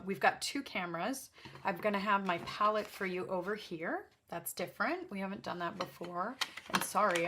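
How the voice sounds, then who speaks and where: A woman with a slightly gravelly voice hosts an art demonstration in casual chat, rambling, interrupting herself and apologizing as she goes. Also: on the low side, fairly bright tone, a little hiss or hum. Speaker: host of an art livestream swatching watercolors. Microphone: backup microphone.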